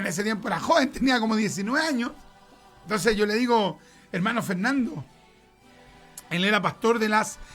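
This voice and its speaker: Delivering a sermon, this middle-aged man speaks Chilean Spanish with a very high-pitched, sharp voice. His style is emphatic: he repeats words to stress them and plays out conversations.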